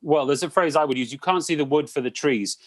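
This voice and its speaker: Male, slightly high voice, close dry recording; animated, anecdotal interviewee who acts out quotes. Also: fast talker, no echo. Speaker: cruise director interviewed about career. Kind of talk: conversational interview answers, anecdotal.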